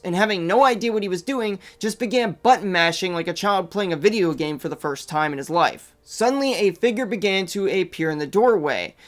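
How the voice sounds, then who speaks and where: A man's voice: sits high, a bit bright. Casual young man retelling a story. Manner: conversational, loose phrasing with fillers like "like" and "kinda". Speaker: narrator.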